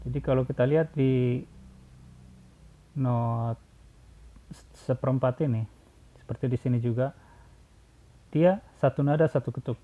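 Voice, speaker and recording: A man teaching a choir how to read number notation, explaining patiently, repeating himself and counting beats aloud. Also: medium pitch. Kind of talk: spoken music lesson, sung examples. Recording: tinny phone-like sound.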